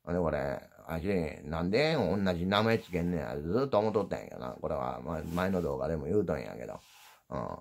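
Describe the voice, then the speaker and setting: A man's voice: sing-song, fast talker. A middle-aged man with an Osaka dialect, rambling through a casual folksy monologue to his channel viewers, meandering and self-deprecating. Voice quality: low gravelly voice. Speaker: channel host. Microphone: handheld phone.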